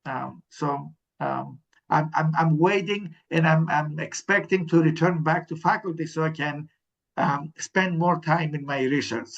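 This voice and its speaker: A middle-aged man from Sweden speaks on an online panel, his voice a little high and full of ums and halting restarts. The call audio is dull and lo-fi. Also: vocal fry. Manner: hesitant, many ums and restarts. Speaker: interim dean and panelist. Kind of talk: panel discussion answers.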